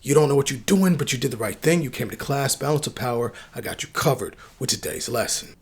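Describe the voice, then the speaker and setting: A man with a medium-pitched, slightly breathy voice hosts a dating advice channel, talking quickly and directly to his viewers. His delivery is emphatic, slangy, and coach-like.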